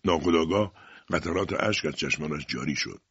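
Male audiobook narrator, very deep, husky, calm and measured, dry sound. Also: dry recording, dull audio.

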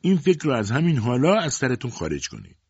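A man's voice: mid-range voice, wildly swooping pitch, a little mellow, breathy edge, dry recording, dull audio, voice pushed up, exaggerated voice. A man doing a prying, taunting mother. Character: scheming, mocking mother, middle-aged woman.

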